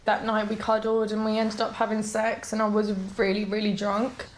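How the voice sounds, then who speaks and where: A woman interviewed for a documentary, recounting events in a soft, halting, hesitant way. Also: medium pitch, monotone, slight background noise. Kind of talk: recounting personal experiences in an interview.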